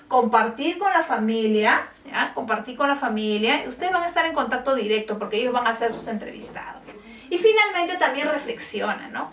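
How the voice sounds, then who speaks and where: A woman's voice: on the high side, a bit bright, a little hiss or hum. A woman teacher talking to schoolchildren in a friendly way, often stopping to check with short questions. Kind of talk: teaching a class to children on camera. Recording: echoey room, voice from a distance.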